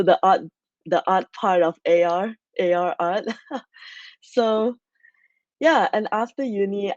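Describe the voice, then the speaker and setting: Presenting at an online conference, a young Malaysian woman keeps things loose and chatty, leaning heavily on "like" and "so yeah." Her slightly low, darkish voice comes through a dry, somewhat muffled computer mic on a video call, with no echo.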